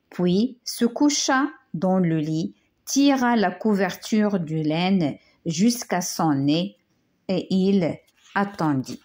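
A woman teacher reading a children's tale aloud, slow and careful, with small slips and restarts. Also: mid-range voice, a little mellow.

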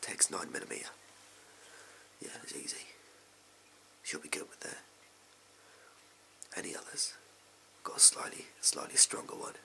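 A young man acts out a sleazy backstreet arms salesman in a whispered role-play with an English accent. The voice is very low and heavily creaky, with a sharp, hissing edge. He pitches his wares in furtive, offhand, clipped phrases. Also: big pitch swings, measured pace, long pauses, heavily acted. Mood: furtive, selling. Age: young adult. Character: shady, amoral backstreet gun salesman, casual and furtive. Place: small indoor room at home. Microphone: close to the camera.

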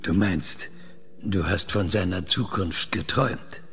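A man playing a methodical, probing researcher in a science fiction audio drama, questioning in a measured, clinical way. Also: low voice, gravelly, a bit bright, soft background music, exaggerated voice.

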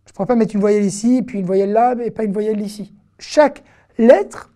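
Mellow-voiced woman teaching a language. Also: medium pitch, fairly quick. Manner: repeats each word several times, patient and explanatory. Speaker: Hebrew teacher. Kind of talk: online language lesson.

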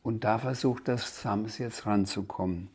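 A man with a German accent reading his own children's book aloud, in a lively, expressive way with occasional asides. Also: on the low side, a little slow, breathy edge. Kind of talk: storybook read-aloud.

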